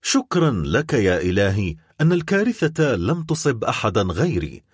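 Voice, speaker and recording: A man's voice: mid-range voice, moderate pace, breathy edge, no room sound, clean studio sound. A man reading as Morrel, a shaken shipowner. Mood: grave. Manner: trembling voice held steady. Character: troubled middle-aged shipowner, near ruin, dignified.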